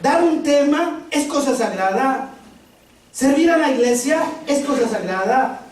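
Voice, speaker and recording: Brief: priest, lively retreat sermon, distant mic in a very echoey hall. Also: male voice, very high voice, unhurried. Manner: animated storytelling, rhetorical questions. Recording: distant mic, strong hall echo, faint noise.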